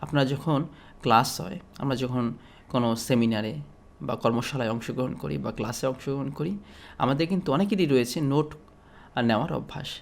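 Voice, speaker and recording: A man's voice: mid-range voice, vocal fry. Man explaining study tips in a lecture. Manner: steady, explanatory, with frequent pauses and fillers. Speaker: teacher.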